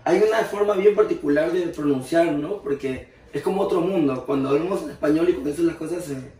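A man's voice: on the high side, a little fast, warm tone. A man hosting a casual interview, curious and chatty with follow-up questions. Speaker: interviewer host. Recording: roomy, distant mic with faint noise.

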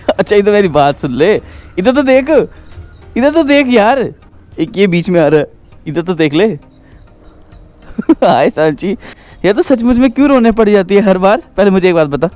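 A man's voice: sits high, lively intonation, normal speed, pauses often, a little mellow. A man vlogging casually outdoors in a park, teasing and laughing often. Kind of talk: casual vlog chat. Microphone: action camera.

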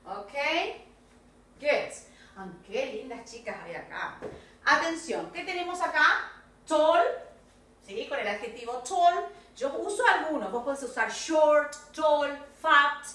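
A woman English teacher with a Rioplatense Spanish accent, giving a recorded video lesson to children, lively and coaxing, modelling English phrases slowly. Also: high-pitched. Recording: echoey room, voice far from the mic.

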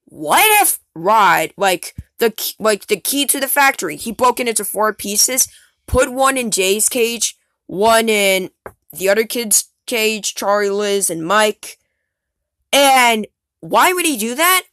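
A woman hosting a gaming channel, talking casually through her theories in a rambling, excitable way, full of "like" and "um", recorded on a phone screen recorder. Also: medium pitch, slow, dry recording, studio quality. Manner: rambling, filler-heavy, excitable, trails off. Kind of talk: casual theory talk over gameplay.

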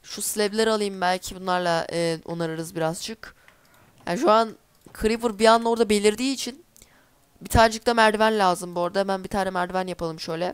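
Smooth-voiced woman chatting over gameplay. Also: mid-range voice, fairly even intonation, quick pace, no echo. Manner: chatty, easily exasperated, talks to herself while playing. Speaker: gameplay commentator. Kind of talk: casual let's-play commentary.

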